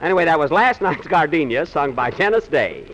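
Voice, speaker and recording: A man emceeing a 1940s radio comedy from a theater stage, vain and fussily indignant. His voice sits somewhat high and swings widely in pitch. The old broadcast carries a clear hiss. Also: big pitch swings, brisk, a bit bright, poor audio. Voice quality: vain, exasperated, comic indignation. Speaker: master of ceremonies. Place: theater stage with live audience.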